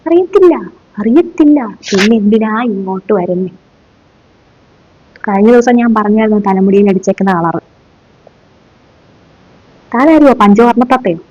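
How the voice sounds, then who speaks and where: A woman's voice: medium pitch, a little mellow, no room sound, lightly acted. A woman in a comic sketch playing a stern, sarcastic middle-aged female schoolteacher, who scolds her class with mocking rhetorical questions. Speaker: sketch comedian. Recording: dull dry lo-fi recording.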